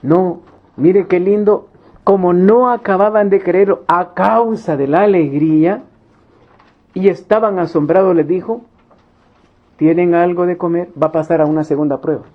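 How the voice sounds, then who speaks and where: A man's voice: high voice, normal speed. A man preaching at a Bible study, emphatic and repeating his key phrases for weight. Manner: emphatic, repeats key phrases, acts out little quoted scenes. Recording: dull lo-fi recording.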